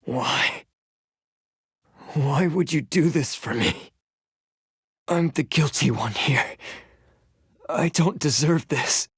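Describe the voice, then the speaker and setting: A man's voice: medium pitch, takes it slowly, pauses often, slightly rough, no echo, clean studio sound, exaggerated voice. A man voicing a guilt-ridden, despairing outcast oni in a video game, earnest and self-reproaching. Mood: remorseful.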